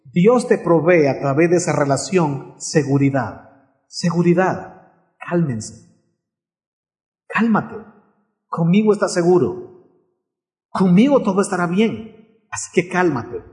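A man's voice: fairly high pitch, animated, a little slow, darkish tone. A man preaching a sermon in an earnest way, often asking his listeners questions.

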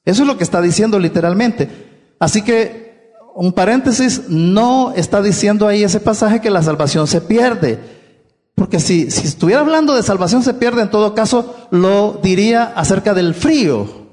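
A man's voice: high voice, animated, moderate pace, darkish tone, big-room sound. A man preaching a sermon, explaining earnestly and often repeating words as he restarts.

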